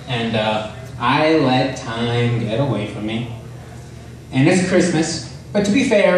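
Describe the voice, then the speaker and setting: Echoey, distant young male stand-up comic, higher-pitched. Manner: rambling, halting, self-deprecating; profane, casual. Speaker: stand-up comedian. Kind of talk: stand-up comedy routine at an open mic. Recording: very echoey room, distant mic, faint noise.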